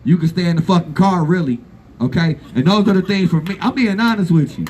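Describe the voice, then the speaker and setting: A man in his thirties gives a blunt, profane and impassioned speech at an outdoor rally as an activist, repeating phrases for emphasis. His voice is high-pitched with a darkish, slightly rough tone, and he speaks a little fast.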